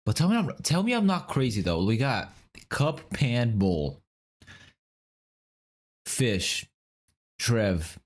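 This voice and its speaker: A man's voice: medium pitch, sing-song, slow, pauses often. Young man streamer muttering word guesses. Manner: muttering guesses, swearing, quizzing chat. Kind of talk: casual stream chat, thinking aloud over a word puzzle.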